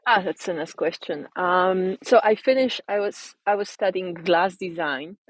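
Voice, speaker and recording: A woman with a Polish accent, a designer and coach speaking casually as an interview guest, thoughtful and pausing to search for words. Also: fairly low pitch, dry recording, rough recording. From Poland.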